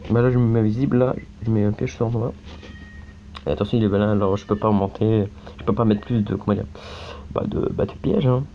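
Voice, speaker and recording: A French gaming YouTuber rambles casually through a let's-play of a mobile game, his gravelly, lowish voice steady in tone and a touch quick, peppered with fillers and repeated tags. It's captured on a phone's screen-recording mic, giving dull lo-fi audio with a faint hiss behind it.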